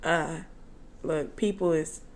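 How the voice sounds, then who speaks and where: A woman's voice: deep voice, fairly even intonation, takes it slowly. Chatty young woman telling a story. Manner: chatty, exasperated asides to viewers, slangy. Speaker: storytelling vlogger. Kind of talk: casual story time.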